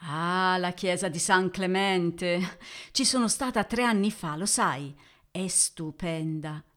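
A woman's voice: on the low side, slow pace, a bit bright. A woman presenting an interview podcast as its host, addressing listeners and putting questions to a guest.

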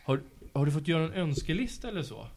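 Patient man gently questioning kids. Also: fairly high pitch, very animated, background noise. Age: adult. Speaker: school after-school staff interviewer. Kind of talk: casual interview with children. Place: school. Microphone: handheld mic passed to pupils.

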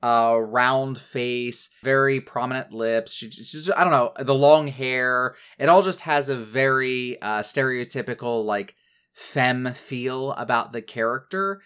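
A man in casual podcast chat, recapping a cartoon episode in animated detail with many fillers. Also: mid-range voice, a little slow, clear, resonant tone. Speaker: podcast co-host.

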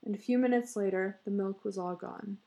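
A woman reading a short story aloud in a steady voice, breaking into laughs now and then. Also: medium pitch, brisk, vocal fry. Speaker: reader.

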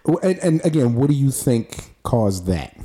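With a medium-pitched, dark, sing-song voice at a measured pace, a young man co-hosting a podcast chats casually. He rambles, often using fillers and restarting his thoughts.

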